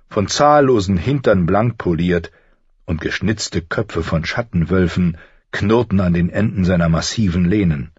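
A man reading a story aloud as an audiobook narrator, in a measured, expressive way. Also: low voice, husky, dry recording. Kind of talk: scripted narration. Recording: slightly dull audio.

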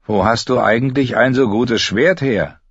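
A man's voice: medium pitch, normal speed, slightly rough, no echo, muffled recording, pitched above the performer's own voice. A man voicing a curious, chatty boy in an audiobook, eager and questioning.

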